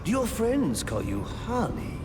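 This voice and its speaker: A man's voice: high-pitched, wildly swooping pitch, measured pace, noisy background, full character voice. A man playing a manic, menacing, giddy clown-like villain in a video game, theatrical and erratic, given to cackling. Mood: giddy, insinuating. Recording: music under the dialogue. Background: loud dramatic music.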